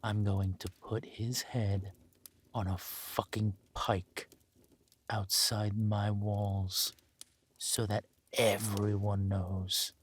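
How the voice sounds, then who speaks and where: Speaking with deliberate command and occasional breathy murmurs, a man plays a menacing, possessive warlord villain and protective lover in a scripted audio drama roleplay. His voice is lowish with little pitch movement, and slight background noise is present.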